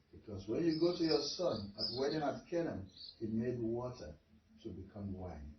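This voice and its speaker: Priest praying in a roomy echo. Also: male voice, lowish voice. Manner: measured, prayerful, rising into praise. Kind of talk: leading prayers and a house blessing. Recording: echoey room, distant muffled mic, noisy.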